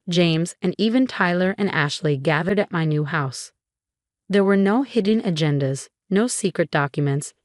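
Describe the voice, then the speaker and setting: Female narrator, lower register, measured first-person storytelling. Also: a little mellow, no room sound, studio quality.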